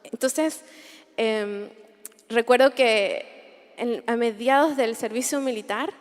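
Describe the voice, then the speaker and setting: A woman's voice: a little high, slow pace. Earnest young woman in a reverberant hall. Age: 20s. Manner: earnest, reflective, repeats phrases while searching for words. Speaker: conference speaker. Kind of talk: personal testimony at a Bible conference. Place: large hall.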